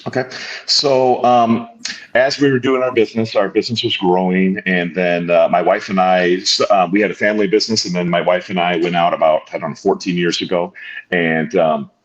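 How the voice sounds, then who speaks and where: A man's voice: deep voice, steady tone, fairly quick. A middle-aged man from northern Illinois, a show guest, telling his story candidly in a rambling way, repeating words and correcting himself. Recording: dull lo-fi sound.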